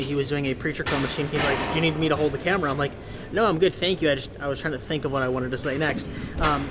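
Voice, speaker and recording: A man's voice: fairly high pitch, background noise. A young man filming a casual how-to vlog in a large indoor gym, chatty and explaining step by step to a nearby camera. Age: young adult. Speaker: fitness video creator. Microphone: camera close up and on tripod.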